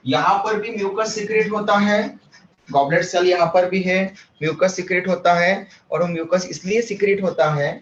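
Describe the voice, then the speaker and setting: Higher-pitched man lecturing in an echoey classroom. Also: slight background noise. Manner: explains step by step and asks the class questions; mixes English terms into Hindi. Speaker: teacher. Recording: echoey room, distant mic, muffled.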